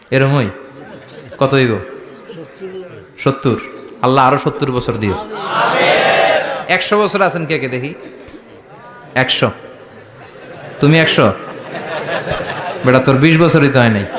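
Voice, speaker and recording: A man's voice: mid-range voice, slow, long pauses, reverberant. A man preaching a sermon to a large gathering, impassioned and putting questions to the crowd for answers.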